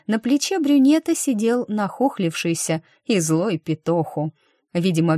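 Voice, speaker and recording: A woman reads a first-person audiobook with a low, deep voice. Her storytelling is even and lightly ironic. The sound is dry and close, with no room echo. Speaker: audiobook narrator.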